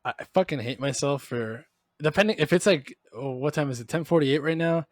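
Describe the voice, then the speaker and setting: A man's voice: a little high, brisk, darkish tone, no echo, studio quality. A tipsy man co-hosting a podcast, chatting casually with profane slang and bits of Spanish. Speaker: podcast co-host. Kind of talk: casual banter with friends.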